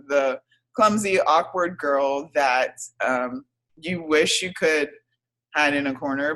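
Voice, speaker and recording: A woman in her thirties, a podcast guest telling her own story in a hesitant, reflective way with many pauses and fillers. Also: low voice, a bit bright, rough recording. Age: 30s. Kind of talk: casual interview storytelling.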